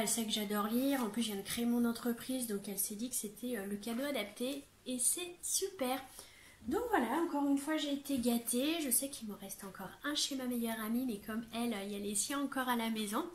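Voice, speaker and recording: A woman's voice: a little high, slight background noise. A young woman chatting casually to her viewers in a bubbly, chatty way, with lots of fillers and laughs. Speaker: vlogger. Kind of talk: casual chat. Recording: echoey room.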